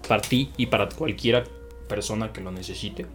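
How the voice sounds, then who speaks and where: A man's voice: lowish voice, a little fast, a bit bright. A young man with a Mexican accent, co-hosting a podcast in casual chat, slangy and swearing freely. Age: young adult. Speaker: podcast co-host.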